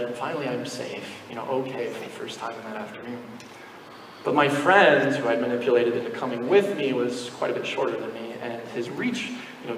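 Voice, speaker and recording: A man with a high voice preaching in a church sanctuary, spinning a lively, self-mocking story. His voice rings through a big echoing hall, picked up from some way off the mic. A faint hiss sits underneath. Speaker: pastor. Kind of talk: storytelling sermon. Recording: echoey hall, mic from far off.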